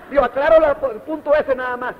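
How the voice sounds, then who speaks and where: A man's voice: very high-pitched, steady tone, moderate pace. A middle-aged man, giving a motivational speech and putting rhetorical questions straight to the audience. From Panama. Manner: preachy, addresses the audience directly with rhetorical questions. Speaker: motivational speaker. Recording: dull, echoey hall recording.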